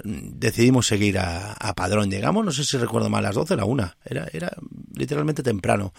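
A podcast host from Tarragona, Spain, casually recounts a stage of a pilgrimage as travel storytelling, restarting and correcting himself a lot. His voice sits on the low side, husky with vocal fry, in a clean, echo-free studio sound.

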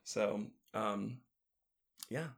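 A man with a fairly low voice telling backstage stories in a loose, chatty way. He circles and restarts his sentences, full of "you know" and "like." It sounds like a relaxed guest on a casual talk show. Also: very slow, creaky. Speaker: musical theatre performer, guest. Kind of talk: casual storytelling chat.

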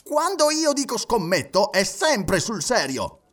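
Andrew Stewart, a man doing a high excited gentleman. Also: unhurried, exaggerated voice. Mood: heated. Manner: agitated, exclaiming. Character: excitable, stubborn male English gentleman gambler.

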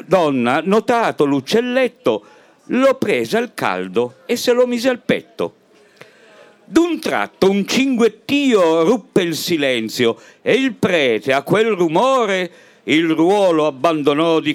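A woman in her sixties, a stage actress and director, reciting a comic poem aloud to a live audience with a measured, theatrical delivery. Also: deep voice. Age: 60s. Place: event hall before a live audience.

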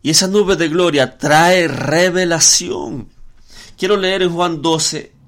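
A man's voice: fairly high pitch, takes it slowly, a bit bright. A man preaching a sermon in an earnest way, often repeating words and using fillers as he works through scripture.

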